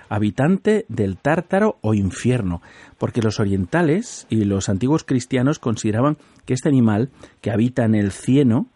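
Man, radio host, dark husky voice, dry close sound, chatty, laughs a lot. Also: medium pitch, no room sound. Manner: chatty, laughs often, explains word origins. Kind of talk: casual radio chat.

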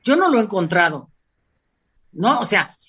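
A woman with a Mexican accent, a guest expert talking about family life in an animated, expressive way. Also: medium pitch, normal speed, slightly rough. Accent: Mexican Spanish. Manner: animated, acts out quoted parents in lively voices. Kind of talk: conversational interview.

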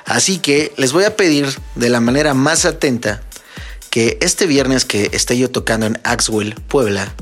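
A man's voice: mid-range voice, unhurried, soft background music. Joking Mexican man hosting a podcast. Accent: Mexican Spanish. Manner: joking, storytelling, addresses listeners as friends. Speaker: podcast host and DJ. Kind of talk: casual solo podcast monologue.

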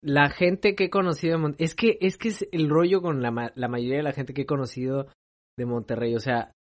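A man's voice: fairly high pitch, steady tone, fairly quick. A man with a Mexico City accent chatting casually on a podcast, reflective and enthusiastic, with lots of slang. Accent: Mexico City Spanish. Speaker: podcast co-host.

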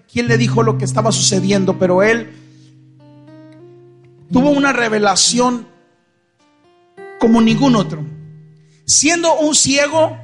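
At a church concert, a worship band singer with a Mexican Spanish accent preaches between songs, telling a Bible story in a very high-pitched, fairly bright voice. He asks the crowd questions and acts out different voices.

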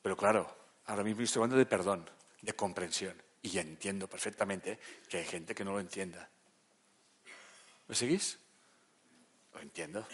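A man giving a lecture as a therapist, talking conversationally and often checking that the audience is following, dropping soft and low then rising into loud emphatic bursts. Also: slightly rough.

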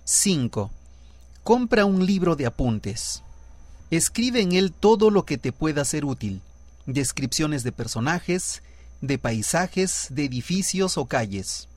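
A man from reads a script of numbered advice for writers, working through long lists item by item. His delivery is unhurried and deliberate, and his voice sits a little higher than most men's. The sound is close and dry, with no room echo. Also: big pitch swings, a little mellow. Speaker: writer giving writing tips. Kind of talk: scripted reading of numbered tips.

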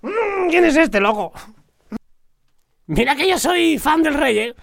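A man acting as an excitable comedy sidekick in a studio sketch. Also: extremely high pitch, slow pace, vocal fry, background noise.

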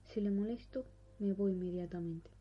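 A woman voicing a mournful, mocking female ghost, speaking softly with a breathy tone. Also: mid-range voice, moderate pace, natural voice. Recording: dull recording with faint music.

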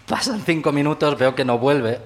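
A man's voice: on the high side, animated, moderate pace. A man telling an embarrassing story on a live stage show, self-deprecating and laughing at himself. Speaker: audience member telling a story. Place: live theater show with audience.

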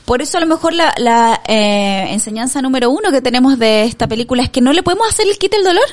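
A woman's voice: high-pitched, expressive, quick pace. A woman in her thirties with a Chilean accent, co-hosting a podcast, telling stories about her son in a chatty, hesitant way. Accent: Chilean Spanish. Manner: storytelling, hesitant with fillers, mixes in English exclamations. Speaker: podcast co-host. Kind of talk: casual chat about a film.

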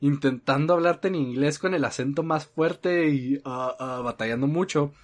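A man with a Mexican accent chatting casually. He rambles, uses frequent fillers and lets his sentences trail off softly. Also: fairly high pitch, normal speed. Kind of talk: casual chat.

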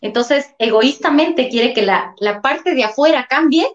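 A woman's voice: high-pitched, expressive, measured pace. A woman, a talk-show guest earnestly explaining, often checking in with rhetorical questions. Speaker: guest speaker on emotions and trauma. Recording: dull lo-fi sound.

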